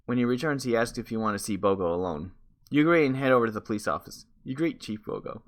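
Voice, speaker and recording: A man's voice: medium pitch, expressive, fast talker. A man reading a text adventure game aloud, breaking off for wry comments and correcting himself as he goes.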